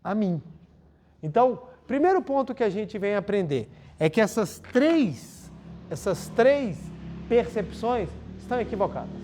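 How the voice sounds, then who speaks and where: Man giving a lively spiritual talk. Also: sits high, measured pace, faint music behind. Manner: lively storytelling, acting out dialogues. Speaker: lecturer. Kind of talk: spiritual lecture.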